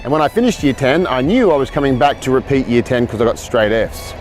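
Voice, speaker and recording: A man's voice: mid-range voice, animated, fast, a little mellow, faint music behind. An Australian man telling a personal story in a rambling way, with many fillers and repeated words. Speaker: speaker telling his life story.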